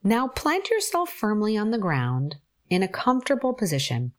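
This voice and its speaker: A woman guiding a forest bathing meditation, giving calm, gentle instructions with long pauses. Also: mid-range voice. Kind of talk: guided meditation narration.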